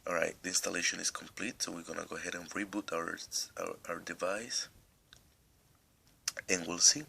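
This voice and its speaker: A man's voice: low voice, little pitch movement, normal speed, creaky, bright, forceful tone, slightly rough. A man with a non-native accent walking through a phone tutorial step by step, rambling a little and fighting a cough. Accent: non-native English accent. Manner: rambling, restarts often, step-by-step. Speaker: tech tutorial host. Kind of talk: casual screen tutorial.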